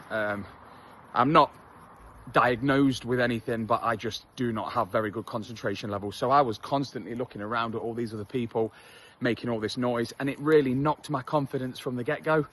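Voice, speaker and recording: An English vlogger from England talks to the camera while jogging outdoors on a street, candid, self-deprecating, and chatty with lots of fillers. His voice is medium-pitched and a bit bright, with slight background noise.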